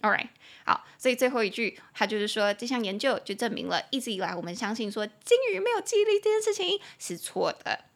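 A young woman with a Taiwanese Mandarin accent hosting a podcast English lesson, spelling words out letter by letter and repeating key words slowly with chatty, playful explanations. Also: mid-range voice. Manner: chatty, lively explanations with playful acted examples. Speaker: English teacher and podcast host.

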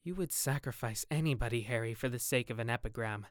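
A man voicing an anxious, brooding young gentleman. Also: mid-range voice, quick pace, dry recording, clean studio sound, close to an everyday voice. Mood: guarded. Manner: melancholy, anxious, strained.

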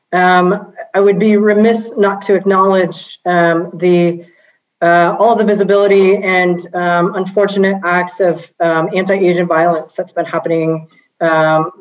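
Low-voiced woman moderator, dull audio. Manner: gentle, halting, many "um" fillers. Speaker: panel moderator. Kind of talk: moderating a panel. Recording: slightly dull video-call audio.

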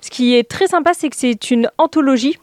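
A woman with a fairly high voice presents a TV series to her podcast co-hosts. She is chatty and hesitant, with plenty of fillers. The sound is close and dry. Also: brisk, darkish tone, no room sound. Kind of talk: casual chat.

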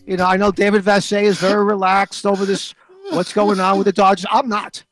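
A man's voice: high-pitched, little pitch movement, fairly quick, dry recording. A man with a Brooklyn accent bantering as a sports talk host, speaking in emphatic, short, punchy phrases. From New York, USA.

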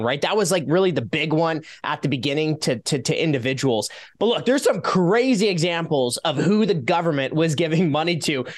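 A Canadian man, a taxpayer advocate guest on a casual radio interview, talking in an animated, sarcastic way as he lists figures. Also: on the high side.

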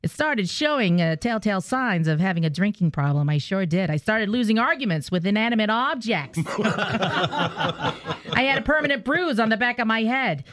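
A woman's voice: medium pitch, animated, moderate pace, fairly bright tone. A woman telling stand-up jokes as a radio comedy guest, brassy and laughing at her own punchlines.

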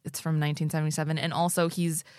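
A woman's voice: low-pitched, level tone, rapid-fire, darkish tone, no room sound, studio quality. A woman co-hosting a podcast recorded in an attic, telling a story in a casual, informal way. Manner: informal, swearing. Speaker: podcast co-host.

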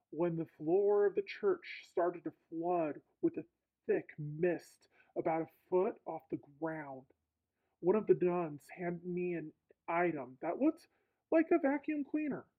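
A woman reading a listener's dream account aloud through a voice changer that disguises her voice, in steady first-person storytelling. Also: on the low side, breathy edge, pitched below the performer's own voice. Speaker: podcast host reading a listener's letter. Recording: tinny lo-fi processed sound.

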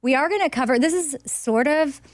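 A woman's voice: sits high, fairly quick, no room sound. Lady in her 40s hosting a podcast, chatty and upbeat, dry close sound. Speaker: podcast host. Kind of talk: casual chat and read ads.

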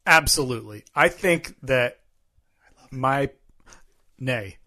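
A man's voice: mid-range voice, animated, slow pace, pushed and bright. A man in his thirties with a mid-range voice co-hosts a casual podcast. He trades playful, self-mocking banter. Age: 30s. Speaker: podcast co-host. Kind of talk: casual comedic chat.

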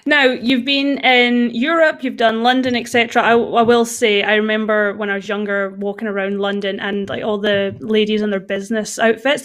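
Chatty Highland Scottish woman interviewer, higher-pitched. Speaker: interviewer, host. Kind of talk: casual conversational interview.

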